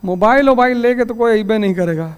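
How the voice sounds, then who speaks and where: A male teacher, lecturing a class in a lively storytelling manner and turning stern about the class rules. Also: very high voice, quick pace, clear, resonant tone.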